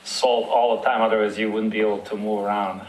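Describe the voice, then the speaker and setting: A man's voice: fairly low pitch, level tone, quick pace, slight background noise. Bosnian-born man asking questions in an echoey room. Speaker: committee member. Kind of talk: public committee meeting discussion.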